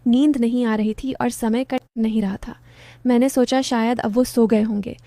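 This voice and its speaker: एक महिला पहली पुरुष में एक कहानी शांत ढंग से सुना रही है।. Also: female voice, fairly high pitch, fairly even intonation, normal speed, dark tone, no room sound, clean studio sound. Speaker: storyteller. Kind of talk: scripted first-person story narration.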